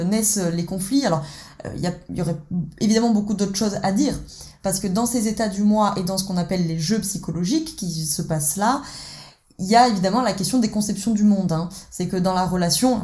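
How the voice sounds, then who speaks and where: A woman's voice: medium pitch, fast, mellow. A woman coaching on relationship conflict, talking casually and addressing the listener directly. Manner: conversational, addresses the listener directly, acts out dialogues. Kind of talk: explanatory teaching talk.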